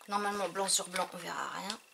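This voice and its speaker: A woman's voice: fairly low pitch, level tone, a little fast, vocal fry, very noisy. A woman vlogger chatting casually through a craft haul, hesitant with many fillers and fumbling English product names. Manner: hesitant, many fillers, thinking aloud while testing. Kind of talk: casual haul video, showing craft inks.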